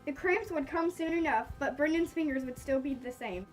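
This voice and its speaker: A woman's voice: high voice, fairly quick, far from the mic, faint music behind, rough recording. A woman reading fan fiction aloud as a live reaction, stumbling on words and breaking off to joke.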